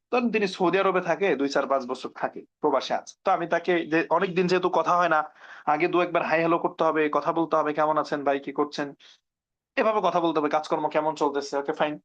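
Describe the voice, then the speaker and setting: A man's voice: high-pitched, fairly bright tone. A man from Bangladesh coaching network marketers in a conversational way, acting out sample phone chats as he goes. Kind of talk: informal training talk. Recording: dull lo-fi recording.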